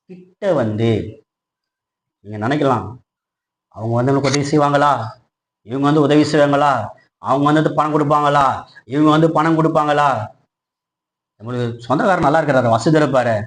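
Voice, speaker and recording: A man preaching a passionate sermon, putting questions to his congregation and building to loud, high-pitched peaks. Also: moderate pace, pauses often, rough recording. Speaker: pastor.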